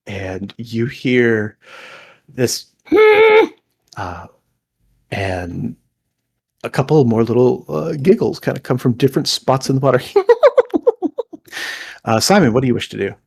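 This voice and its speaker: A man narrating as game master for an online tabletop game, with a halting delivery full of fillers. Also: medium pitch, lively intonation, creaky, darkish tone, husky.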